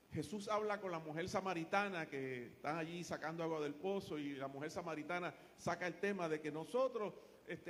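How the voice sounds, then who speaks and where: A man with a Puerto Rican accent preaching a sermon as pastor, emphatic and building his points through repetition. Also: sits high. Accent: Puerto Rican Spanish. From Puerto Rico. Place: church sanctuary. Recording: long church hall reverb.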